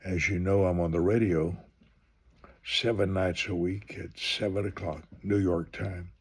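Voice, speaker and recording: This promo for a live stream comes from a seventy-something minister, speaking conversationally and wandering a bit. He has a low, slightly rough voice, a steady tone, and a measured pace.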